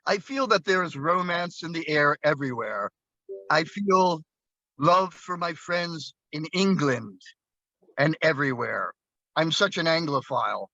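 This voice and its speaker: At an open mic show, a magician spins a playful, theatrical story as patter while performing a coin trick, breaking into high whoops. His voice is bright and forceful, recorded dry with dull audio.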